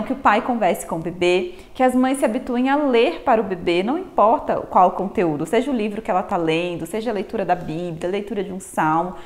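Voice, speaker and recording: A Brazilian woman with a Brazilian Portuguese accent, explaining baby development to viewers in a friendly teaching manner and often calling them "gente". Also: fairly high pitch. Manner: warm didactic, addresses viewers as "gente". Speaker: pediatric health educator. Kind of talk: explanatory talk to camera.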